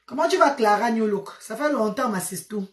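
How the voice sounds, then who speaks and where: A woman's voice: fairly high pitch, lively intonation, normal speed. A tired woman hosting a casual live stream, greeting her viewers one by one and fondly calling them mother and sister. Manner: affectionate, calls viewers maman and sister.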